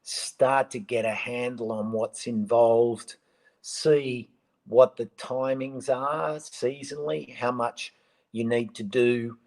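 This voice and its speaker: A man's voice: mid-range voice, fairly even intonation, slow, darkish tone, poor audio. A man answering viewer questions on a casual live stream, rambling with many restarts and ums.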